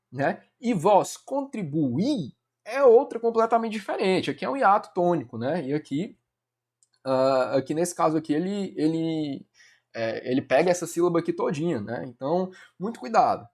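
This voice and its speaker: Man, Brazilian Portuguese accent, exam-prep teacher, informal and chatty, lots of "né" fillers, a little high-pitched. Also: sing-song, moderate pace, darkish tone. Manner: casual, addresses students as "cara" and "galera", many fillers like "né". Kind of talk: exam-prep grammar lesson.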